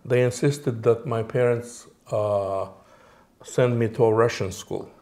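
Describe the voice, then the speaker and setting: Speaking as an interview guest, this Moldovan man in his forties, a native Romanian speaker, stumbles through his answers with frequent fillers and false starts. His voice is mid-range, steady and dark in tone.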